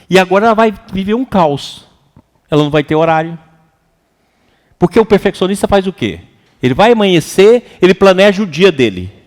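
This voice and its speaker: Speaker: Brazilian man, high, very expressive lecturer, long hall reverb. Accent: Brazilian Portuguese. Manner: animated and colloquial, acts out quoted voices. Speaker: seminar speaker. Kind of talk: lively spiritual seminar lecture.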